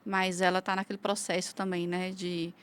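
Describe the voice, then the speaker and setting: A woman's voice: on the low side, moderate pace, clear, resonant tone. A woman from the Federal District of Brazil, a community leader and guest, recounting real cases in a casual interview and acting out the dialogue of the people involved. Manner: lively retelling of cases, acting out quoted dialogue.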